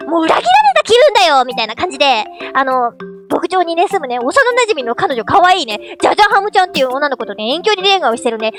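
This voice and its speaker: A woman's voice: very high voice, a bit bright. A young woman hosting as a VTuber, chatting playfully and filling her talk with little fillers as she explains cartoon characters. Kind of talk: casual solo talk.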